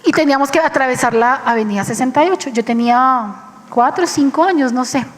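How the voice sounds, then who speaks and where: Preacher, Colombian woman, high voice, impassioned delivery, long echo of a church hall. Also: quick pace. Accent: Colombian Spanish. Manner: impassioned, acts out quoted voices. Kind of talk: sermon.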